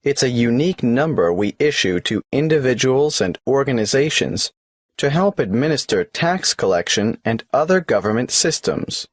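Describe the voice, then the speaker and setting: A man's voice: medium pitch, very animated, normal speed, no echo, studio quality. An actor playing a polite, businesslike male tax office clerk who asks questions in a scripted exam dialogue.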